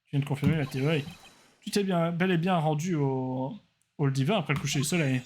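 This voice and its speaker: A man voicing a cold, poised male prosecutor who speaks in a measured, formal way. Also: on the high side, a little mellow, a little hiss or hum, natural voice.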